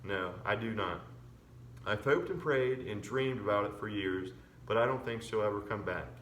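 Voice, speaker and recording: A man's voice: fairly low pitch, a bit bright, recorded from a distance, voice pushed down, natural voice. Man reading as weary, grieving preacher father. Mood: resigned, tender. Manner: measured, earnest, resigned. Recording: roomy echo with background noise.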